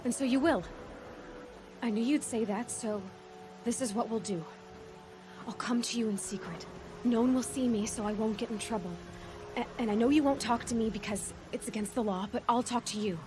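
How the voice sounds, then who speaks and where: Headstrong young huntress Aloy, played by an actress, over noisy ambience. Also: female voice, a little high, normal speed, lightly acted. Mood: defiant, determined. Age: young adult. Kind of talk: video game cutscene voice acting.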